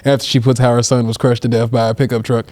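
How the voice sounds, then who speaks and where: A man co-hosting a casual comedy podcast, talking fast and telling stories with jokes. The recording is dry and close, with no room sound. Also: medium pitch, no room sound. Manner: quick, animated storytelling with jokes. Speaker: podcast co-host.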